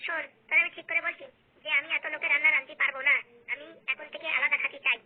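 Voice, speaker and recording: A woman voicing a defiant, sharp-tongued young wife who mocks her husband in a comedy skit. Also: very high-pitched, very fast. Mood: mocking quarrel. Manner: mocking, quarrelsome. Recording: phone-like narrow sound.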